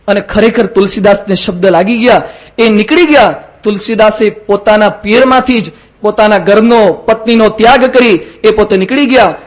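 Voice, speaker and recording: Man, monk, very high voice, storytelling sermon, acts out dialogue. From Gujarat, India. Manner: lively storyteller acting out dialogue.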